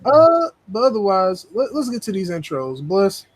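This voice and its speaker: A young man hosting a gaming podcast, talking loosely and profanely, telling animated stories. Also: high-pitched, moderate pace. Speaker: podcast host. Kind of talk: casual gaming podcast chat.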